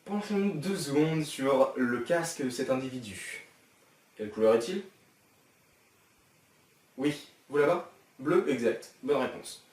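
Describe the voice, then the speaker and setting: A man's voice: mid-range voice, lively intonation, a little mellow. Sarcastic young man, distant and echoey. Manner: sarcastic, teasing, quick asides. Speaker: reaction youtuber. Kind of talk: mocking reaction commentary. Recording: echoey room, distant from the mic.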